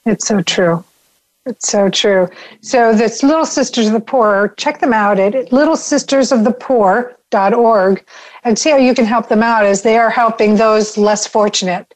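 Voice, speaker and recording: A woman's voice: on the high side, normal speed, low-quality recording. A woman hosting a talk show in a conversational style, introducing guests and callers.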